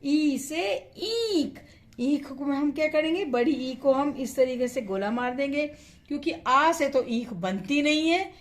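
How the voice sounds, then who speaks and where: A woman teaching how to write and pronounce vowels, asking questions and answering them herself, and stretching the sounds to show them. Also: sits high. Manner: slow, patient, asks questions then answers them; stretches vowels to model pronunciation. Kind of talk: instructional lesson.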